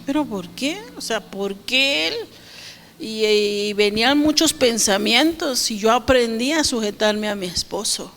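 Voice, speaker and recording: A woman's voice: fairly high pitch, fairly bright tone, in a large hall. A woman pastor preaching a sermon, asking the congregation questions and acting out quotes.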